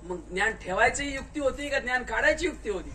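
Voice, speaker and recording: A man giving a spiritual discourse in a large tent, questioning the listeners and telling them to answer louder. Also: very high voice, animated, quick pace. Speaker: kirtankar preacher. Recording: distant mic with faint noise.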